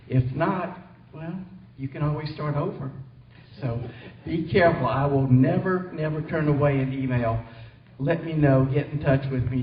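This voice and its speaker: A man gives an earnest technology update to colleagues at a company meeting, pausing now and then to find his words. He is distant from the microphone, and the meeting room echoes. The sound is dull, with light background hiss. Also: medium pitch. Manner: earnest, warning tone, some hesitations. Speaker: technology trainer. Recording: distant, roomy, dull hall recording.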